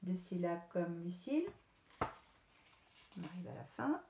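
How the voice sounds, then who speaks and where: A woman with a French accent, a teacher, slowly and clearly talking young pupils through a reading lesson with lots of repetition. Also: on the low side, expressive. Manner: slow, clear, repetitive teacher talk to children. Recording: echoey room with faint noise.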